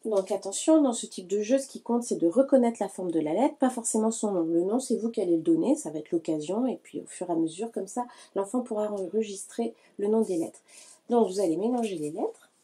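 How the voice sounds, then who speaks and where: Calm, husky-voiced woman explaining a tutorial. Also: medium pitch, a little fast. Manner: calm, explanatory, addresses parents directly. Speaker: early-learning educator. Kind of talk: hands-on tutorial for parents.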